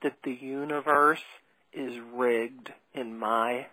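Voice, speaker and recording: A woman's voice: very deep voice, steady tone, slow, sharp tone, no echo, low-quality recording. A woman hosting a spiritual podcast interview, talking in an earnest, emphatic way. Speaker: podcast host.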